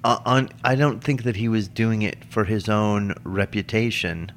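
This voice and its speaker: Low-voiced man in chatty review talk. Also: steady tone, a little slow, a little hiss or hum. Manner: chatty, laughs often, frequent restarts and fillers. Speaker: podcast co-host. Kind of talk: casual chat reviewing a TV series.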